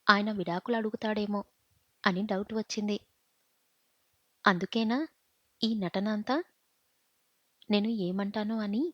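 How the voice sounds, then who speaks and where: A woman narrating a first-person audiobook story in a steady, intimate storytelling voice, in a dull lo-fi recording. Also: medium pitch, no echo.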